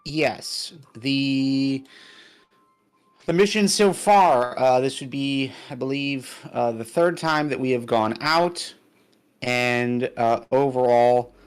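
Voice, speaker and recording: A man running a tabletop game as game master, explaining with halting, filler-heavy speech. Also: mid-range voice, clean tone. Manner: halting, many fillers and restarts.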